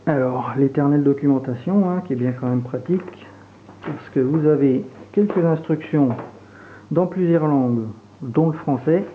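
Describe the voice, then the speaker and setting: A man from Franche-Comté with a regional French accent, casually unboxing and demonstrating gear as a reviewer, hesitant and full of fillers. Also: medium pitch. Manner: relaxed, hesitant, many fillers while handling gear. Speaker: airsoft reviewer. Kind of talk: casual product unboxing and demo. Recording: tinny phone-like sound, faint hiss.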